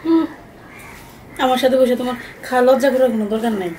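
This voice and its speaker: A woman's voice: a little high, rapid-fire, darkish tone, a little hiss or hum. A woman hosting an eating show, chatting casually and teasingly while she chews her food. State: talking while chewing. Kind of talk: casual chat over a meal.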